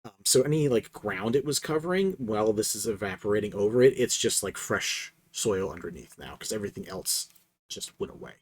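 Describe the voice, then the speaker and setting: A man running a tabletop game as game master, easygoing and hesitant, with fillers and quick laughs. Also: on the low side, animated, slightly rough.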